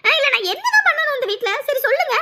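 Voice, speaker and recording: An upset young daughter-in-law in a cartoon, acted by a woman. Her protests come high, bright and fast, defiant and hurt. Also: very animated, slight background noise, exaggerated voice.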